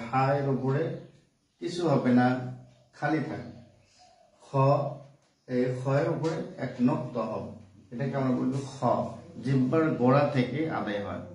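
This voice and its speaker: A man teaching pronunciation step by step, repeating each sound slowly several times. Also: medium pitch, darkish tone. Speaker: Quran reading teacher. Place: home room. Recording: echoey room, distant from the mic.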